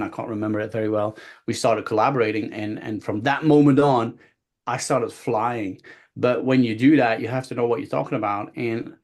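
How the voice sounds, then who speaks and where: A Belgian-born man in his fifties shares his journey as a guest speaker over a video call. He tells it casually and with lots of energy, restarting his sentences often and acting out what other people said. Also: medium pitch. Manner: animated, many restarts and acted-out quotes. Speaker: guest speaker, body language coach. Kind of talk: casual storytelling.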